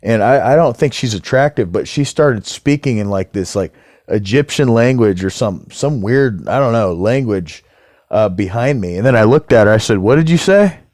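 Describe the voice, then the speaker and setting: A man's voice: on the low side, moderate pace, a little mellow, dry recording, studio quality. A man talking in a casual monologue to camera as a vlogger, ranting heatedly and swearing.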